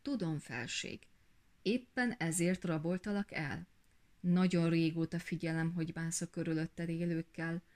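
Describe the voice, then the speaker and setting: A woman voicing a stern, watchful dragon who speaks slowly and firmly. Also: on the low side, a little mellow, natural voice.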